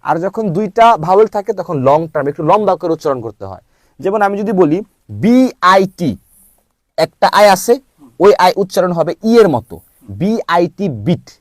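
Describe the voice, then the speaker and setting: A man teaching English pronunciation, spelling out letters slowly before saying each word. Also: high-pitched, lively intonation, no echo, clean studio sound. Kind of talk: slow spelled-out phonics lesson.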